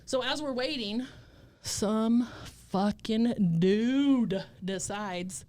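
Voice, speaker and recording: A woman's voice: fairly high pitch, extremely slow. Blunt, profane woman in her fifties. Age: 50s. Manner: animated storytelling. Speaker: guest. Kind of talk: casual storytelling interview.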